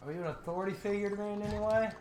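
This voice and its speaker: A man's voice: high voice, steady tone, very fast. A man co-hosting casual, joking game commentary in a brash, sarcastic, profane manner. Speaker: gaming channel co-host.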